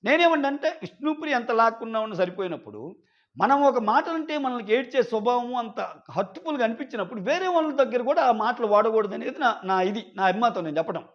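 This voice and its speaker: High-voiced man recapping a show. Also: animated. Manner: retells scenes, quoting contestants in quick acted snippets. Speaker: show reviewer. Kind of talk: casual episode recap. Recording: dull lo-fi audio.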